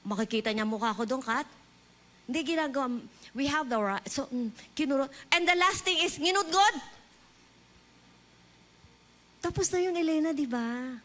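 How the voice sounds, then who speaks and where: A woman preacher with a Filipino accent giving a lively sermon in a church, mixing English and Filipino and leading the congregation in prayer. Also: sits high, moderate pace, pauses often. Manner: animated, leads the congregation in call-and-response prayer. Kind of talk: bilingual sermon. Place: church hall.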